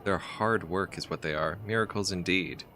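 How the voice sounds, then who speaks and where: A man's voice: low-pitched, normal speed, sharp tone, a little hiss or hum. Man playing a brusque grumbling woman artificer. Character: grumpy, proud working woman artificer.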